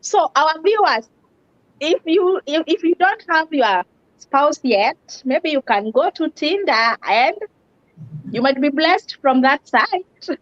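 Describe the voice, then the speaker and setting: A woman's voice: high voice, expressive, slow, a bit bright, no echo, lo-fi sound. A woman hosting an interview, enthusiastic with frequent wows. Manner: enthusiastic, many wows and laughs. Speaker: interview host.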